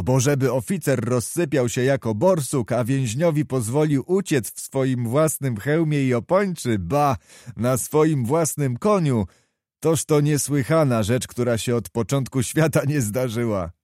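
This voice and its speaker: A man's voice: mid-range voice, a little slow, a little mellow, no echo, studio quality, close to an everyday voice. Stern patriotic officer, declaiming, by a male narrator. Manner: impassioned, declamatory speech.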